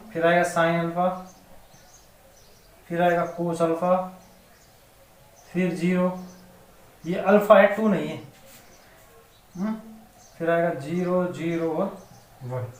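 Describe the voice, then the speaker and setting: A man's voice: a little high, fairly even intonation, slow, pauses often. A man with a Rajasthani Hindi accent teaching a maths lesson, often asking the students whether they have understood. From India. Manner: repeatedly checks students' understanding. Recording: echoey room, mic at a distance, faint noise.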